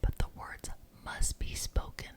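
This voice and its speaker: In an ASMR roleplay, a woman voices a gracious yet bossy witch who presides over a coven meeting. She speaks deliberately in a natural voice with an incantatory mood, repeating words for emphasis.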